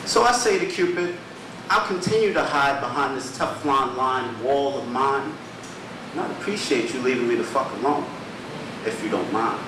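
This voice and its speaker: A man performing his own spoken word poems at an open mic, with a rhythmic, rhyming delivery and dramatic pauses. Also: mid-range voice. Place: small poetry theater stage. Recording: echoey room, distant mic, background hum.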